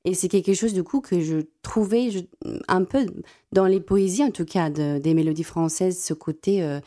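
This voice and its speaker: On the radio, a young classical singer from South Africa, Afrikaans being her first language, stumbles through her answers and repeats words often. She speaks on the low side in a mellow voice.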